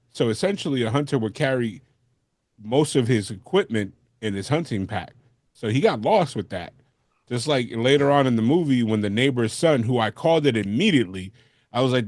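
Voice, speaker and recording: A man's voice: mid-range voice, no room sound, studio quality. A man co-hosting a movie podcast, talking casually and explaining his points in informal language. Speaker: podcast co-host.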